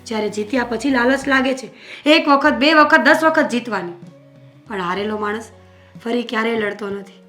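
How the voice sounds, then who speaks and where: A woman playing a calm, reflective wise woman. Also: fairly high pitch, normal speed, soft background music. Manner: reflective, soft-spoken. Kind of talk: Gujarati short film acting.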